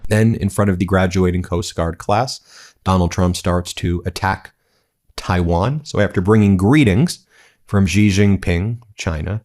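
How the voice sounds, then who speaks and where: A man's voice: low-pitched, measured pace, darkish tone. A man hosting political commentary, talking in an indignant, incredulous way.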